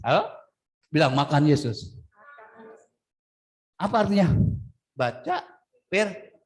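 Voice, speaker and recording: Animated preaching man, lively high voice. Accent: Indonesian. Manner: animated, jokey, acts out little scenes, calls on congregation. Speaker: pastor. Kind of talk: lively sermon.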